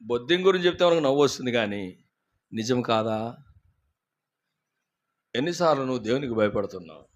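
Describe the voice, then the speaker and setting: A man's voice: mid-range voice, animated, fairly quick, pauses often, dull audio. A man preaching a sermon. He tells funny stories and keeps asking the congregation questions. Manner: humorous storytelling preacher, asks the congregation questions. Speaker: pastor.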